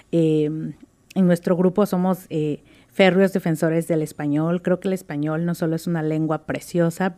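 A woman's voice: on the low side, dark tone. A woman from Oaxaca with a Mexican accent, guesting on a radio interview and talking with gushing enthusiasm. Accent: Mexican Spanish. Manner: effusive and enthusiastic, stresses words like "super". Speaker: interview guest, writing group member.

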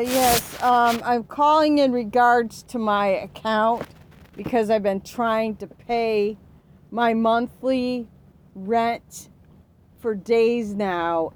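Slow, firm, higher-pitched woman complaining. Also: clean tone. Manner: firm, indignant, insistent. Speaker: customer calling to dispute a charge. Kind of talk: phone complaint conversation.

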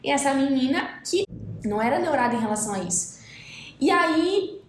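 A woman's voice: high-pitched, normal speed. A Brazilian woman co-hosting a casual chat, telling a story and acting out what people said. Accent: Brazilian Portuguese. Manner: animated storytelling, acting out quoted dialogue. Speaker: podcast co-host. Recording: roomy echo, faint noise.

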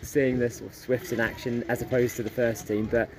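A football fan being interviewed outdoors at a ground, rambling with many fillers. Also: male voice, mid-range voice, little pitch movement, fairly quick, background noise.

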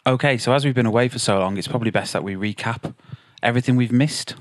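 A man's voice: mid-range voice, quick pace. A man hosting a casual podcast with friends, delivering a dry, jokey recap. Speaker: podcast host.

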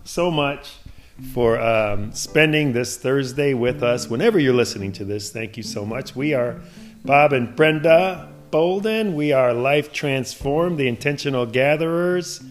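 A man's voice: mid-range voice, measured pace. Earnest, laughing man co-hosting a devotional chat. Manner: earnest, laughs often, quotes scripture. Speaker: podcast co-host.

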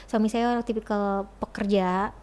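A woman's voice: mid-range voice, steady tone, normal speed, darkish tone. A middle-aged woman talking candidly as a guest, chatty and often laughing mid-sentence as she tells a personal story.

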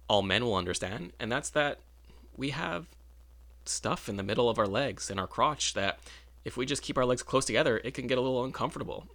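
A man's voice: mid-range voice, a bit bright. A man talking in a casual, rambling monologue, often correcting himself and adding wry asides. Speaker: vlogger.

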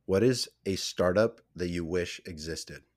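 A man hosting a podcast, relaxed and agreeable, asking questions with plenty of fillers. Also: deep voice, unhurried. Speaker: podcast host. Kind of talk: casual podcast interview.

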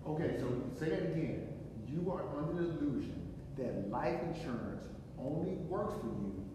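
A man's voice: on the high side, lively intonation, normal speed. A man hosting a casual podcast chat, easygoing and repetitive, often checking in with "right?". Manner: easygoing, repeats words, says "right?" often. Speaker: podcast host. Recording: echoey distant room with noise.

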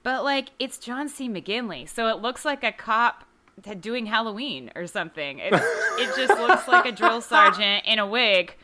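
A young woman co-hosting a podcast, chatting casually about a movie, animated and laughing often. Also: on the high side, moderate pace, a loud crowd. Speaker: podcast co-host. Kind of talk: casual movie review chat.

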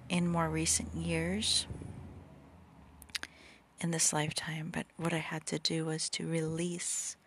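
A woman's voice: on the low side, gravelly, fairly bright tone, slight background noise. A woman in her thirties whispering a podcast at home late at night, yawning often as babies sleep beside her. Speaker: podcast host and author.

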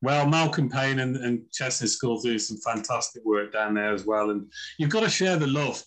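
A chess author, male, chats through anecdotes as a podcast guest in a casual interview, acting out quoted voices. His mid-range voice moves at normal speed with a fairly bright tone, though the audio is poor.

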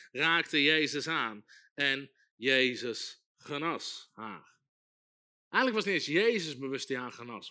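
A man preaching a sermon with emphatic repetition, building to loud exhortation. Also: on the high side.

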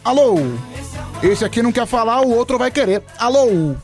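A man's voice: extremely high pitch, moderate pace, soft background music. A man co-hosting a call-in radio show, making sarcastic jabs. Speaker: radio co-host. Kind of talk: joking radio banter.

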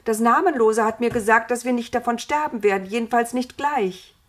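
A woman voicing Eve, a young first woman, speaking brightly and quickly with a slightly meek manner in a storybook reading. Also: on the high side, voice pushed up, natural voice. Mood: sheepish.

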